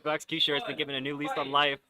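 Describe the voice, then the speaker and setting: Young guy co-commentating robot fights, chill dry delivery, loud crowd behind. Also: fairly high pitch, completely flat delivery, racing, poor audio. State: losing his voice. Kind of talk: live robot combat commentary.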